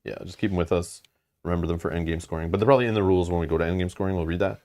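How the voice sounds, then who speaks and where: A man's voice: low-pitched, steady tone, racing, a little mellow. A man chatting casually through a board game, reading out rules and story text to the other players.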